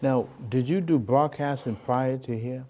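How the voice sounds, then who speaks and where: A man's voice: mid-range voice, measured pace, mellow. A man hosting a studio program, opening with preacherly remarks and then interviewing a guest. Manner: preacherly, rising emphasis. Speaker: program host.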